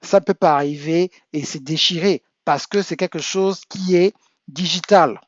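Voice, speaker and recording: A man's voice: a little high, normal speed, no room sound. Man from Africa, business coach, insistent, emphatic, dry close sound, muffled. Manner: insistent, rising to emphatic exhortation. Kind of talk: coaching talk to an audience. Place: home in the United States.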